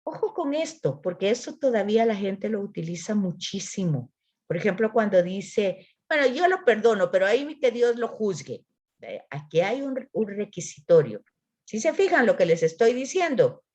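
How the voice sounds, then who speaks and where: A woman's voice: on the high side, darkish tone. A woman teaching a Bible literature class online, explaining patiently and often checking with "¿verdad?". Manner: explains patiently, repeats words, frequent "¿verdad?".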